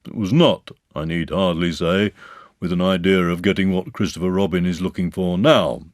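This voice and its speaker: A man voicing a gloomy, self-important donkey in a storybook reading, speaking in a ponderous, drawn-out way. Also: low voice, fairly even intonation, no room sound, studio quality, lightly acted. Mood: pompous, solemn. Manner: ponderous, pompous, drawn-out delivery. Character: gloomy, self-important, long-suffering old grey donkey.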